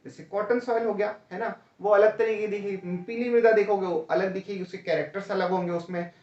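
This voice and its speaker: A man's voice: sits high, fairly even intonation, a little fast, darkish tone. A male teacher giving an exam-prep lecture, explaining step by step and often checking in with "है ना?" and "ठीक है?", calling students "भैया". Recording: roomy, distant, dull lo-fi sound.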